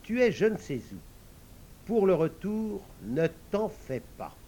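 A man voicing a kindly magic frog in a storybook, speaking gently and reassuringly. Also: sits high, very animated, slow, pitched above the performer's own voice, exaggerated voice.

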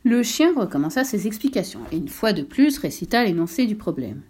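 Brief: woman narrator, storybook reading, soft mellow tone, mid pitch. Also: big pitch swings, fairly quick, slightly rough.

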